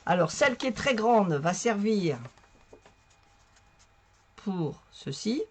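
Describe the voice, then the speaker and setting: A woman with a hoarse, strained voice explaining a card-making tutorial in a chatty, self-mocking way as she works. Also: medium pitch, sing-song, slow pace. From northern France. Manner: chatty, talks to viewers while working, self-mocking. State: hoarse from a sore throat. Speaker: craft tutorial host. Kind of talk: casual crafting tutorial.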